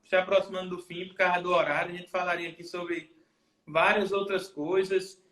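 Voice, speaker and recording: A man's voice: sits high, level tone, normal speed, a bit bright. A man hosting a podcast interview, chiming in with comments and wrapping up the talk. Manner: adds interjections, wraps up the talk. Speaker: podcast host. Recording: roomy echo.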